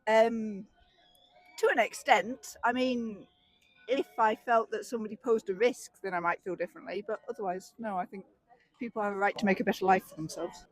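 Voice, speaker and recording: A woman's voice: medium pitch, fairly even intonation, normal speed, no room sound, low-quality recording. A woman answering a street interviewer thoughtfully, with some hesitation. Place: city street outdoors.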